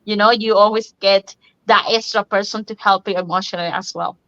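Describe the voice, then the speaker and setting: A woman's voice: medium pitch, steady tone. A woman from Cuba, talking casually on a video call, often laughing and restarting her phrases. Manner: warm, laughing, halting phrasing. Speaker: nurse and online business owner. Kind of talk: casual group talk. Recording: dull lo-fi online call audio.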